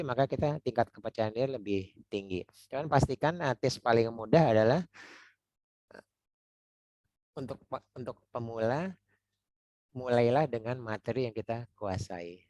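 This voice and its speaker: Male speaking coach, mid pitch, dry close sound; informal teaching talk, repetitive and chatty. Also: a little mellow, no room sound. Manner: chatty, repeats words, frequent "ya" and "gitu ya" tags, restarts. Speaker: public speaking trainer.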